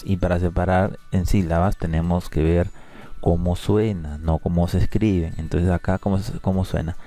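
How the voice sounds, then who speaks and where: A man's voice: low voice, mellow. A man from Peru teaching an exam review lesson, explaining patiently and repeating words aloud to show how they sound.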